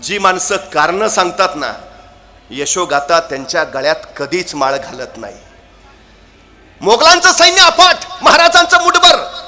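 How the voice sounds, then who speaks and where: A woman telling a historical battle story with lively drama, building to shouted battle cries with playful asides. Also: fairly low pitch, measured pace.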